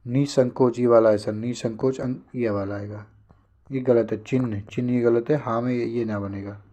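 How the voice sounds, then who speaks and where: A man teaching a spelling lesson for an exam, briskly repeating each word to correct it. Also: medium pitch, steady tone, mellow, highs cut off.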